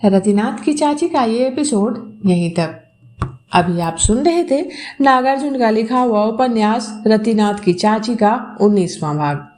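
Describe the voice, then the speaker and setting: A woman narrating a Hindi novel episode in a slow, measured storytelling voice. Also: on the high side, expressive, darkish tone. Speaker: audiobook narrator. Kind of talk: scripted narration.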